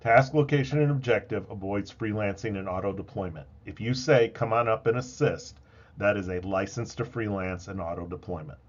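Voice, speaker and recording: A man's voice: fairly low pitch, moderate pace, muffled recording. A man teaching as a fire training instructor, laying out points step by step with emphasis. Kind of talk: instructional lecture.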